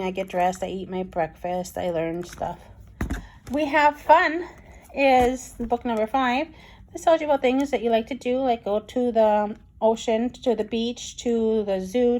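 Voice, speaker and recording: A young woman giving a casual review of a reading program, talking quickly and excitedly with frequent ums. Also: fairly high pitch, a little hiss or hum. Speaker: homeschool curriculum reviewer.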